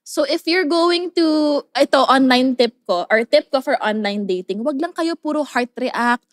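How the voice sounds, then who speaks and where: A woman's voice: high-pitched, lively intonation, moderate pace, no echo, clean studio sound. A Filipino woman co-hosting a casual podcast, chatty and playful, moving between Tagalog and English with emphatic phrasing. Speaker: podcast co-host.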